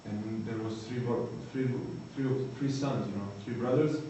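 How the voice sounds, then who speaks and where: Croatian man, halting talk in an echoey hall. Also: mid-range voice, mellow. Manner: halting, searching for words, frequent "you know". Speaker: recovering addict giving testimony. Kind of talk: personal testimony talk. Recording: echoey hall, distant mic, faint noise.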